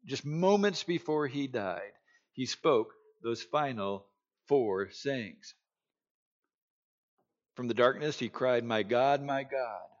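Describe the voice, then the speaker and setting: Man preaching a sermon, dull lo-fi sound. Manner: earnest preaching, building in force and pitch as he goes. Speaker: pastor. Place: church, streamed online during a lockdown.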